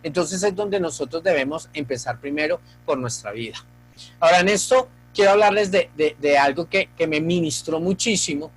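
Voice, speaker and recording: A man's voice: fairly high pitch, normal speed, faint music behind, low-quality recording. A male pastor preaching a sermon, earnest and speaking straight to the congregation.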